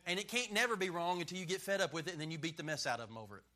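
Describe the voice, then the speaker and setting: Middle aged pastor guy, high voice, super sharp and forceful, punchy joking sermon. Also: very fast. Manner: emphatic, punchy and joking, with call-and-response.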